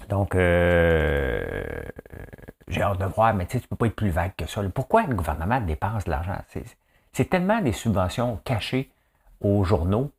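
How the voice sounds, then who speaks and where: A man's voice: low-pitched, sing-song, moderate pace, gravelly, husky. A man with a Québécois accent hosting a casual daily news commentary, chatty and joking, with frequent fillers and asides. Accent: Québécois French. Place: rural home in the countryside.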